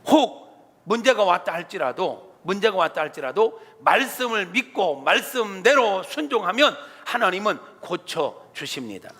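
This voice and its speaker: Male pastor preaching, kinda high voice, chatty and lively, long church echo. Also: moderate pace, slightly rough. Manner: animated, colloquial, acts out quotes. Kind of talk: sermon. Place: church sanctuary. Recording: reverberant church hall.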